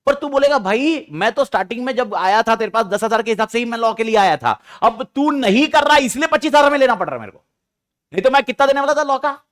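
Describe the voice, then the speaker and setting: A young man with an Indian accent and a high voice gives a classroom lecture, talking fast, lively and animated. To make his points, he keeps slipping into playful mock exchanges between students and parents.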